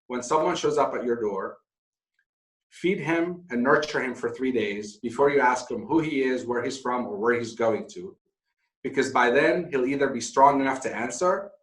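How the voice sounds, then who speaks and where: Speaking with a fairly bright, mid-range voice, this middle-aged man from Syria is a hotel founder being interviewed. He comes across as candid and passionate, often poking fun at himself in the conversation. The recording has an echoey room sound.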